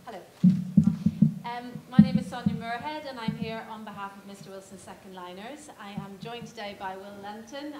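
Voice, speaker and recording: A woman presenting her company's show at an arts conference, hesitant, with many pauses and ums. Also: a little high, warm tone. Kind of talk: live pitch at an arts conference.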